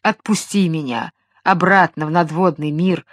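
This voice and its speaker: A woman's voice: fairly low pitch, normal speed, dry recording, studio quality, close to an everyday voice. A woman voicing a loyal young prince who pleads and defies in a storybook tale. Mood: defiant. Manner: pleading, defiant. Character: young loyal male prince, steadfast and defiant.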